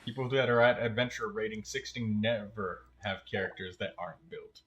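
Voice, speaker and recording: Talking at normal speed in a low, slightly bright voice, a man hosts a game livestream. He coaches a fellow player through the game with relaxed, colloquial tips.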